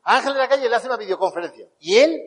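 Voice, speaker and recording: A man with a Spain Spanish accent giving a motivational talk, telling animated stories and acting out the dialogue. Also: very high-pitched, rapid-fire, husky, long reverb tail, poor audio. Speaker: motivational speaker.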